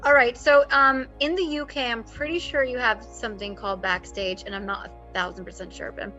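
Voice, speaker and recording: A woman acting coach talks in a lively, chatty way on a video call. Her voice is bright and fairly high. The call audio is a little muffled, with faint music behind. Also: a little fast. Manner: animated and chatty, with frequent fillers. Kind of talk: casual advice chat. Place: home, with construction noise outside.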